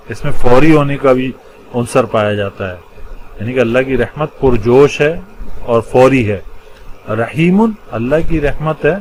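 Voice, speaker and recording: A man teaching a Quran lesson, in a voice of middle pitch. He explains slowly and carefully, pausing between phrases and stressing key terms. Faint background noise sits under the recording. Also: rough recording. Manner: explains patiently with pauses, stresses key words. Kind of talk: religious lesson explaining Arabic word patterns.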